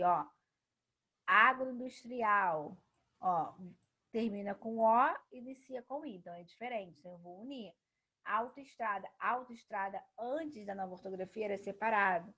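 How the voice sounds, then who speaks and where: A woman teaches a grammar lesson in an emphatic, explanatory way. She leans hard on key words and answers the questions she poses herself. Her voice sits at a medium pitch. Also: pushed and bright, slightly rough.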